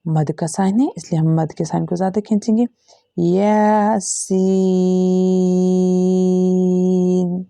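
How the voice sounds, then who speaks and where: A woman's voice: lowish voice, fast, gravelly, hardly any pauses, dark tone, no room sound, faint music behind. A woman teaching Quran reading, patiently drawing out and demonstrating each letter in a step-by-step lesson with an Urdu-Hindi accent. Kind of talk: slow step-by-step recitation lesson.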